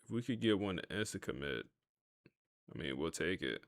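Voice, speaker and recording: A man's voice: sits low, lively intonation, moderate pace, dry recording, studio quality. A man hosting a gaming livestream, chatting casually to his viewers in a laid-back, talkative way while he plays. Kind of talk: casual live-stream commentary.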